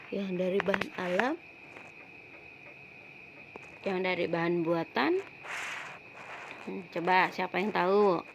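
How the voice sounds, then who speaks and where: A woman's voice: on the low side, steady tone, slow pace, vocal fry, pauses often, noisy background. A woman teaching young pupils in a recorded online lesson, affectionately calling them dear and ending phrases with "ya". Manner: calls pupils "sayang", frequent "ya" tags, repeats words. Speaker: primary school teacher.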